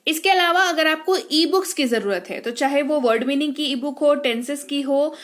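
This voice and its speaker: A woman's voice: high voice, moderate pace, a bit bright. A woman, an English teacher explaining pronunciation rules step by step and often checking that her students follow.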